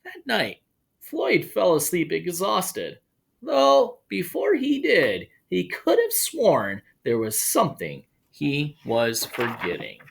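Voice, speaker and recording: Reading slowly in a gravelly voice on the high side, an elementary school teacher shares a picture book with children. He's playful and expressive, making casual remarks along the way.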